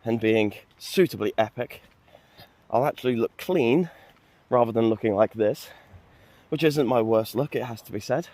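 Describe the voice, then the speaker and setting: A man talking into a phone at arm's length while out on a walk. He rambles casually at a middle pitch, making jokes at his own expense and throwing in lively asides. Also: normal speed, no echo. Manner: joking, self-mocking, lively asides. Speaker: vlogger. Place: outdoors on a walk.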